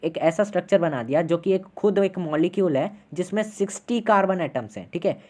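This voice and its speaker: A man lecturing to students in an online class. His voice is warm and mellow rather than bright. He keeps the explanation chatty and informal, pausing often to check that everyone is keeping up. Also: high-pitched. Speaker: teacher.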